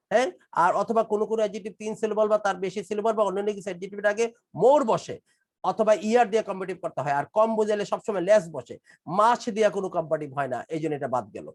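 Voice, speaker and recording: A man from Bangladesh, an English teacher, giving a live online class lecture. He explains step by step, repeats key phrases, and reads English test sentences slowly, word by word. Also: high-pitched.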